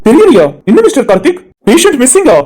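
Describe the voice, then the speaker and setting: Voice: sits high, big pitch swings, fast, a little mellow. A voice artist voicing a formal male hospital doctor in a cartoon drama, curt and official. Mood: stern.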